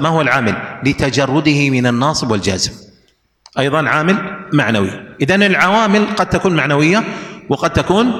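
A man's voice: on the high side, a bit bright, big-room sound. A man teaching an Arabic grammar lesson, explaining rules through repeated examples and questions to his students.

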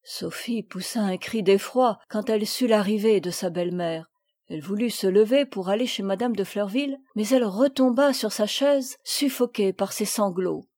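A woman narrating a classic children's novel as an audiobook, measured and expressive. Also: mid-range voice, no room sound, clean studio sound. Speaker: audiobook reader.

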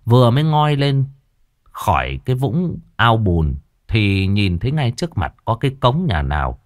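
A man narrating a comic folk-style story in a colloquial, crude and lively way. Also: on the low side, normal speed, no room sound, studio quality. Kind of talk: casual spoken story narration.

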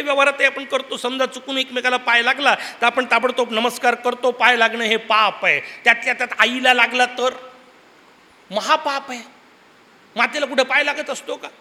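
High, bright-voiced preacher. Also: male voice, moderate pace. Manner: animated storytelling with rhetorical questions. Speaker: Purana discourse speaker. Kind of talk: religious discourse. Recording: long hall reverb.

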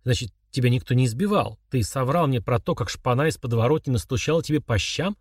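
A man voicing a shocked, furious middle-aged father with a crackly, hoarse voice. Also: mid-range voice, fast, dry recording, clean studio sound, natural voice.

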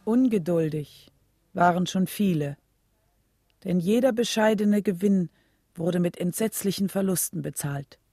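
An actress playing the earnest wife of a civil rights leader, looking back in measured, solemn radio drama narration. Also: female voice, lowish voice, dark tone, no room sound, studio quality.

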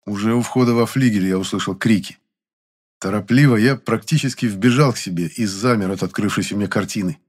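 A man narrating a first-person audiobook in an even, dry storytelling manner. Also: lowish voice, brisk.

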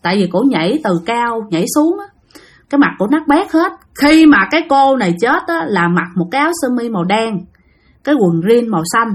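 Brief: woman storyteller, dramatic, addresses the audience, lively intonation. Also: a little high, brisk. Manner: dramatic, addresses listeners directly. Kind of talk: spoken ghost story narration.

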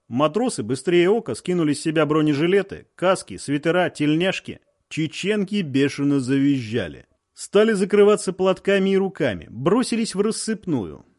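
A man's voice: fairly high pitch, darkish tone. Man narrating a war story. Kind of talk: audiobook narration.

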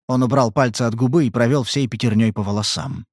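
A man narrating an audiobook in an even, measured way. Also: mid-range voice, no echo, studio quality. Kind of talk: scripted narration.

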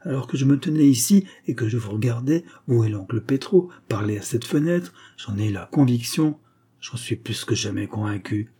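A man reading a young woman who is composed and daring, giving urgent, steady commands. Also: medium pitch, moderate pace, breathy edge. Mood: excited.

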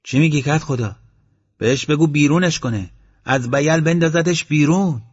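A man's voice: mid-range voice, breathy edge, big-room sound, natural voice. A man reading an audiobook, voicing an indignant villager man in a raised, agitated voice. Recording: dull lo-fi audiobook recording.

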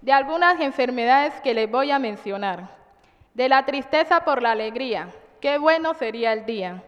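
A woman with a high, light voice recites her own rhyming verse in a measured, deliberate way. Her voice carries a long hall reverb, and the sound is a little dull. She was recorded in a community cultural house. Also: lively intonation, fairly bright tone. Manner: measured, rhyming delivery with hesitant asides. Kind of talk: poetry recitation.

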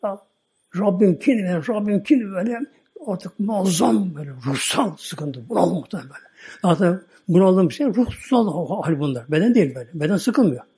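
A man preaching a sermon, telling a story in a folksy, repetitive, animated way. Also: high-pitched, fairly quick, husky.

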